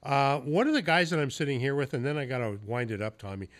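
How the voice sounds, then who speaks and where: A man's voice: medium pitch, lively intonation, fast. Casual storytelling male podcast host. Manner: storytelling, loose and profane, with laughs. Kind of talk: casual interview chat.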